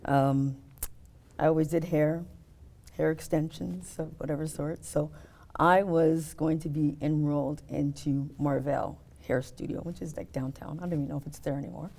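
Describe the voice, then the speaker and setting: A middle-aged woman talking casually in an interview about her work as an optician, explaining step by step with many pauses. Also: sits low, fairly even intonation, gravelly, dark tone. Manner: explains step by step, hesitant fillers.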